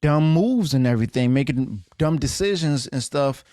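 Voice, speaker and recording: A man's voice: mid-range voice, expressive, moderate pace, warm tone, dry recording, studio quality. A man hosting a casual news commentary show, talking in a wry, disbelieving way and often stumbling and correcting himself. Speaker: host of a news commentary channel.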